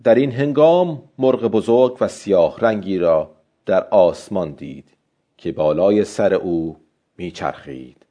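A man narrating a story as a scripted audiobook, in a calm, steady way. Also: low voice.

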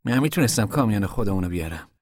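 A man's voice: on the low side, lively intonation, a little mellow, dry recording, clean studio sound. A man voicing a young newly arrived migrant who speaks politely and earnestly.

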